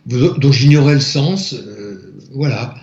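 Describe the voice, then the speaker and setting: A man from France, an interview guest, softly recounting a personal spiritual experience, halting and searching for his words. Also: mid-range voice, lively intonation. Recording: echoey, slightly dull room recording.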